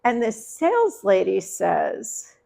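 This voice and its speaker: Gravelly middle-aged woman telling a story. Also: mid-range voice, huge pitch swings, takes it slowly, dark tone. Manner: chatty, conversational, laughing asides. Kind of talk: live personal storytelling. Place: live event venue.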